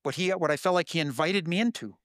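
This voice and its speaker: A man preaching a sermon in an earnest, conversational way, his voice sometimes jumping up with excitement. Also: on the high side, fast talker, no echo, studio quality. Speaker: pastor.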